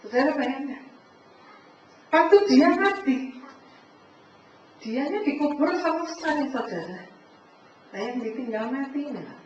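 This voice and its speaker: Lively woman preaching in an echoey hall. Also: sits high, unhurried, pauses often. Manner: animated, acts out dialogue, keeps addressing the listeners. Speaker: speaker at a church family fellowship. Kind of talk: preaching talk to a congregation. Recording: echoey hall from far off, dull sound, faint noise.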